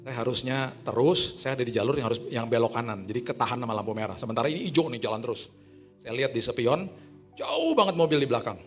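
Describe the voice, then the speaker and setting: A middle-aged male pastor preaching a sermon, telling stories in casual slang and swinging from hushed asides to loud excited peaks. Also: medium pitch.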